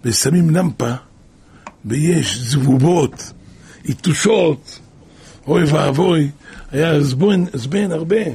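A man preaches a sermon, telling stories with a gravelly, husky voice. His pitch sits a little high. He keeps it animated, with one rhetorical question after another. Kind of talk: sermon with storytelling.

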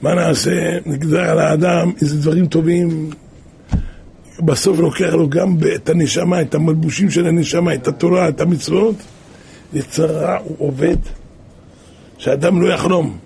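Brief: male preacher, folksy storyteller, gravelly voice, faint noise behind. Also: a little high. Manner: animated folksy storytelling with rhetorical questions. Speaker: religious preacher. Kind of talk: parable storytelling sermon.

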